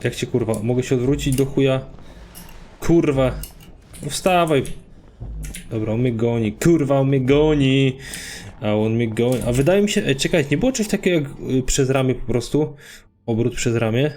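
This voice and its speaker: A man commentating his own gameplay, swearing a lot, excitable and talking to himself and his viewers. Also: medium pitch, fast, slight background noise. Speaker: let's play gamer.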